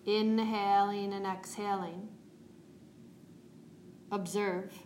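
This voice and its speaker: A woman yoga teacher leading a guided meditation in a calm, meditative, unhurried tone. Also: medium pitch. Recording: roomy echo, faint background noise.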